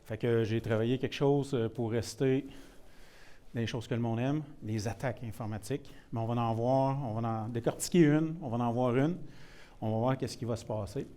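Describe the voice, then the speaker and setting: A man's voice: mid-range voice, steady tone, normal speed, warm tone. A man with a Québécois accent giving a technical security workshop, casual and self-deprecating, with many restarts and English words mixed in. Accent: Québécois French. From Quebec. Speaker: presenter.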